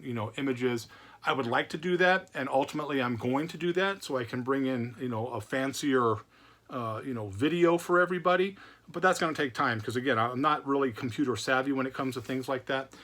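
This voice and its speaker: A male comic book channel host with a mid-range, fairly bright voice rambles through a casual vlog while on the mend from illness. He talks straight to camera, repeating words and leaning on plenty of fillers.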